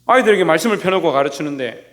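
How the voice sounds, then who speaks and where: A male pastor preaching to his church in a fairly high voice. He fires questions at the congregation, answers them himself and mimics scolding lines. His words ring out with a long reverb, as in a church sanctuary. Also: animated, very fast, a bit bright. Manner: acts out quoted scolding in a raised voice. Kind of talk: sermon.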